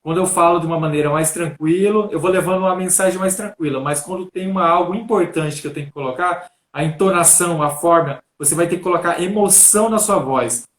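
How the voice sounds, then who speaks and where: A Brazilian man, a coach, calmly explaining public speaking on a live stream and often tagging his sentences with a question. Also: on the high side, fast, hardly any pauses, echoey room. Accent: Brazilian Portuguese. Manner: calm, instructive, repeats "né?".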